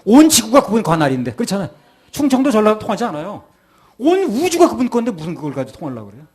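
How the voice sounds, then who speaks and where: A man's voice: high voice, huge pitch swings, rapid-fire, darkish tone, husky. A male pastor giving a sermon, acting out people's excuses in quoted voices.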